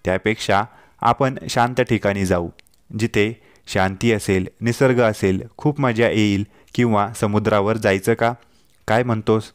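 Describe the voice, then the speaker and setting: A man's voice: on the low side, fairly even intonation, a little slow, clear, resonant tone, no room sound, studio quality, lightly acted. A man voicing an affectionate, teasing young wife in a told story, playful and pleading by turns. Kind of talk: storytelling dialogue.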